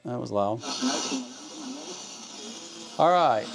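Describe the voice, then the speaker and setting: Against background noise, a man with a gravelly, medium-pitched voice hosts an electronics hobby video. He's expressive and draws out his words while giving a casual hands-on demo, often asking and then answering his own questions.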